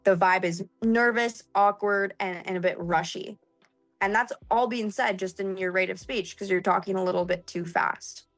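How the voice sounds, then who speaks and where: A woman sales trainer teaching vocal technique, freely changing her speed and pitch to show each point. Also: moderate pace, faint music behind. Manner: expressive, shifting pace and pitch to demonstrate.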